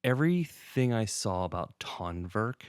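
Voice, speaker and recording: Deep-voiced podcast co-host, dry close sound. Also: male voice, a little slow, smooth, no echo. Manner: relaxed, rambling, laughs often. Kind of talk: casual chat.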